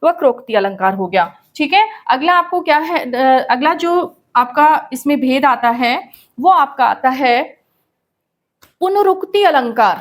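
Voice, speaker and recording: A woman teacher explaining a grammar lesson patiently, often checking in with the class and reading verse lines slowly. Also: sits high, expressive. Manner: calls students "बेटा".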